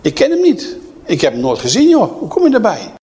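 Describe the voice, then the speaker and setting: A man's voice: high-pitched, huge pitch swings, a little fast, dark tone, pitched above the performer's own voice. A man voicing a frightened man who hotly denies knowing someone. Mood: panicked denial.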